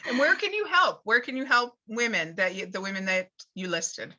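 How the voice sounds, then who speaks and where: Woman host, bright sharp voice, lively pitch, dull video call sound. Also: normal speed. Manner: upbeat, asks with rambling restarts. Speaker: interview host. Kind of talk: casual interview questions. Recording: dull online call audio.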